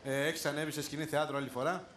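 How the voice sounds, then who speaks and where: Crowd noise and theater echo surround a male comedian hosting a live show on a large stage. He summons audience volunteers and playfully teases them, laughing often, speaking on the high side with little movement in pitch.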